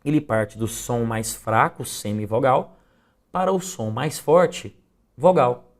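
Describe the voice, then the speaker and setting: A man's voice: medium pitch, a little mellow. A middle-aged man with a Brazilian accent, teaching an exam review lesson and explaining rules step by step with examples.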